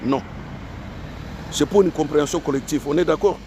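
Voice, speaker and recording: A man's voice: a little high, moderate pace, mellow, a little hiss or hum. A man from Africa in an emphatic, repetitive monologue to his viewers, full of rhetorical questions. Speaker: online commentator.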